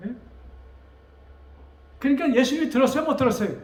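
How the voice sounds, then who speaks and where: A man preaching a sermon as pastor. He asks the congregation questions and rises to loud, dramatic quotes. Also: extremely high pitch, fairly quick, reverberant.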